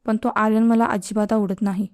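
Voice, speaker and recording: A woman's voice: medium pitch, level tone, fairly quick, dry recording, studio quality, natural voice. A woman voicing a stubborn, bossy young college girl who insists and scolds, in a spoken storybook. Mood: insistent.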